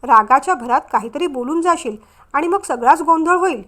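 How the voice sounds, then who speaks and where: A woman's voice: high voice, lively intonation, brisk, fairly bright tone. A woman voicing a scheming young woman who talks in a coaxing, persuasive way. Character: scheming young sister-in-law, soothing outside.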